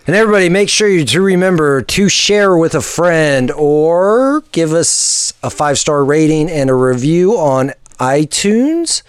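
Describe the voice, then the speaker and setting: A man's voice: a little high, expressive, measured pace, hardly any pauses, clear, resonant tone, no echo. A man hosting a podcast in a casual, rambling, offhand way. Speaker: podcast host.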